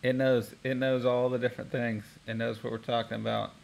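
A man's voice: mid-range voice, level tone, fairly quick, creaky. Rambling man thinking aloud. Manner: rambling, with fillers and restarts. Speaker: tech vlogger. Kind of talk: casual thinking aloud while testing software.

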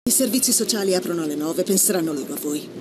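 A woman's voice: lowish voice, animated, quick pace, heavy background noise, natural voice. Actress as an insistent, concerned woman friend. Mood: reassuring. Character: insistent, concerned female friend urging action. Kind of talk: naturalistic film drama.

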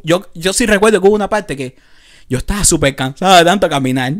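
A young man from Cuba with a Havana accent, telling lively anecdotes on a casual podcast with lots of street slang. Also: high voice, fast talker. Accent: Cuban, Havana. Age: young adult. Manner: animated anecdotes with frequent laughter and street slang. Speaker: podcast co-host. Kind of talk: casual chat, storytelling.

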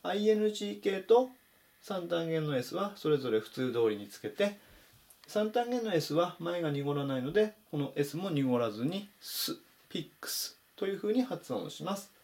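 A man teaching English vocabulary in Japanese, saying each word slowly and clearly in a voice-over lesson. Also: on the high side, very animated, darkish tone. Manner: slow, careful spelled-out pronunciation of English words.

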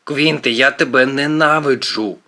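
A man voicing a boastful, excitable teenage boy hero in an audiobook. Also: mid-range voice, measured pace. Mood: excited. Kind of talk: audiobook character voice.

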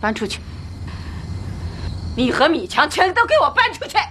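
An actress playing a sharp-tongued middle-aged mother-in-law who scolds in a TV drama. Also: high-pitched, big pitch swings, moderate pace. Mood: furious. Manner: scolding, exasperated. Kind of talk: TV drama acting. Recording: loud background noise.

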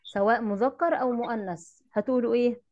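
A woman's voice: on the high side, fast, lo-fi sound. A woman teacher with an Egyptian accent, giving an online lesson, patiently repeating rules and quizzing her pupils. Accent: Egyptian Arabic. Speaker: Arabic teacher. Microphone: computer mic in an online class.

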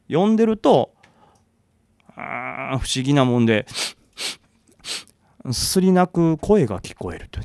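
A man telling a ghost story live in a bar, narrating dramatically and with suspense, building tension through pauses. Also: sits high, clean tone, dry recording, clean studio sound.

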